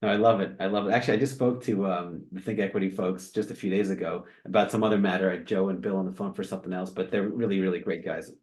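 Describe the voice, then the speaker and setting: A man hosting an interview show, asking questions and wrapping up briskly. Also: low-pitched, fairly even intonation, darkish tone. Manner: brisk, brief affirmations. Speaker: show host.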